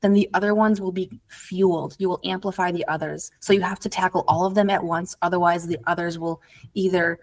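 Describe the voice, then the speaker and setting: A woman's voice: on the low side, fairly even intonation, a little fast, a little mellow. A woman guest on a podcast interview, an addiction recovery coach telling her story earnestly and casually, with lots of "like". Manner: earnest, storytelling, heavy use of "like".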